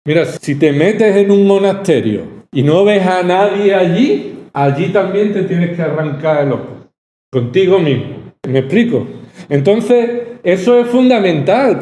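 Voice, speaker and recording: A man's voice: sits high, a little mellow, roomy sound. A male pastor from preaching a sermon, pressing his points with rhetorical questions and repetition. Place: church hall.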